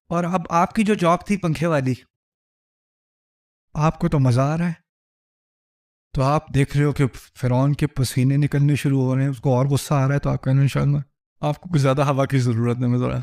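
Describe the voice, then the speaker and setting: A man's voice: on the high side, steady tone, long pauses, darkish tone. A man giving a humorous religious lecture, telling stories with rhetorical questions and jokes. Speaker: Islamic lecturer.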